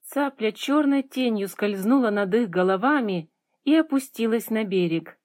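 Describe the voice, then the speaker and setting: A woman narrating a children's fairy tale in an expressive, measured storytelling manner. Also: a little high, no room sound, clean studio sound. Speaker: audiobook reader.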